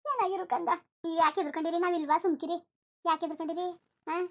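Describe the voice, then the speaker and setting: A woman's voice: very high-pitched, fairly even intonation, fast, muffled recording. A woman voicing a tender, reassuring village mother in a cartoon, coaxing. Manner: soothing, coaxing, repeats endearments. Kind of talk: cartoon voice acting.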